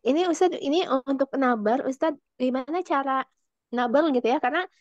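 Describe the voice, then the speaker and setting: Female student, hesitant questions, high voice, dull lo-fi call audio. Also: fairly quick, dry recording. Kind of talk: class question.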